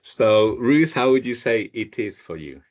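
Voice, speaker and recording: A man's voice: on the low side, expressive, a little slow, a little mellow. A man teaching a Spanish class over a video call, patiently repeating each learner's answer. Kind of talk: online group language lesson.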